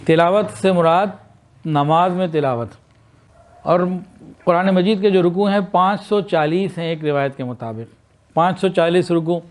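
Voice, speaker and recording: A man's voice: high-pitched, a little mellow. A man with a Pakistani Urdu accent giving a religious lecture, asking the listeners questions and then answering them himself. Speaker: Islamic lecturer.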